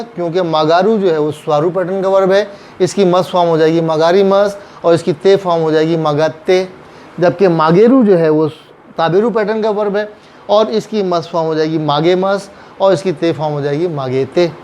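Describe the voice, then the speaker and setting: A man with a Pakistani Urdu accent teaches in a fairly high voice. He is patient, repeats words and acts out sample lines. A faint hum sits under the recording. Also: a little mellow, highs cut off. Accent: Urdu-speaking Pakistani. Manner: patient, repeats phrases, acts out example sentences. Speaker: Japanese language teacher. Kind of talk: classroom lesson explaining grammar.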